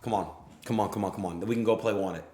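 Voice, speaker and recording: A young man livestreaming his gambling, swearing a lot, swinging between loud outbursts and muttering. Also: on the low side, steady tone, racing, echoey room. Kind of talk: live gambling stream chat.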